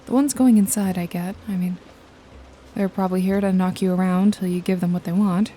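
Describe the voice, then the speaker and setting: A woman's low-leaning, dark, natural voice moves briskly with fairly even intonation, and a little hiss or hum is audible. She plays a wry, jaded detective and hired killer in a noir ASMR roleplay, speaking intimately to the listener over jazzy music and rain. The tone is watchful and matter-of-fact, with sardonic, foul-mouthed, nonchalant teasing and a casual menace.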